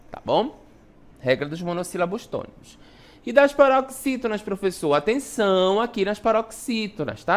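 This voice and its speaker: A woman teacher with an Amazonas Brazilian accent and a slightly low voice. She explains rules patiently and drags out example words as she spells them. She keeps checking in with short tag questions. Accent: Amazonas Brazilian Portuguese. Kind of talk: classroom lesson on television.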